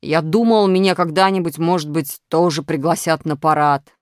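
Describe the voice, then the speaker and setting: A woman's voice: low voice, fairly even intonation, moderate pace, no room sound, studio quality, lightly acted. A woman voicing a naughty, whiny male minus sign who pleads and wheedles, in an audiobook. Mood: whiny pleading. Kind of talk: audiobook character voice.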